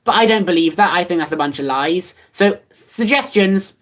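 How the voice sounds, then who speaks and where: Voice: medium pitch, expressive, normal speed, a bit bright. A livestreamer chatting casually and reading out viewer comments. Rambles offhand, with many fillers and restarts and a playfully sarcastic edge.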